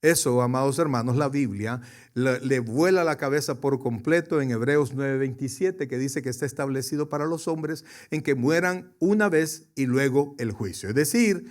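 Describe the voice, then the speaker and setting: A man preaching a sermon to his congregation, swinging from soft to loud and questioning his listeners directly. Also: mid-range voice, moderate pace. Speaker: pastor.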